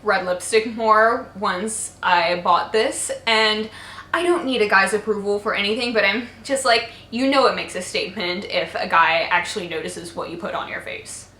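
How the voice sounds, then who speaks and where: A woman's voice: mid-range voice, normal speed, bright, forceful tone. A young woman talking casually in a makeup favorites vlog, chatty and gushing, with many fillers. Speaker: beauty vlogger. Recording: echoey room.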